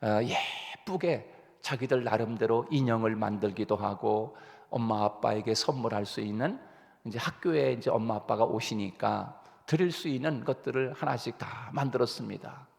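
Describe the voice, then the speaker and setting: Male pastor, early-morning sermon, gravelly, long church reverb, rhetorical questions. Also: medium pitch, normal speed. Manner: storytelling with rhetorical questions to the congregation; earnest, rising emphasis, frequent hesitations. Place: church sanctuary.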